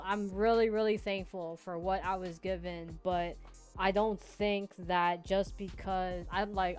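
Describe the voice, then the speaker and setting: A woman streaming live trading practice, chatting casually with viewers, laughing and answering chat between chart notes. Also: on the low side. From United States (Hawaii and Virginia). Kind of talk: casual live backtesting commentary.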